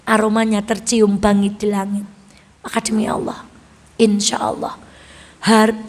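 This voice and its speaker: A woman religious teacher with a Javanese accent, telling stories and asking her audience questions in a lively study talk. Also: on the high side, long reverb tail. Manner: animated storytelling, asks the audience questions.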